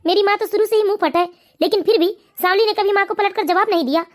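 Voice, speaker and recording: A performer voicing an earnest grown son and husband in an animated family cartoon, pleading and questioning. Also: very high-pitched, quick pace. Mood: puzzled.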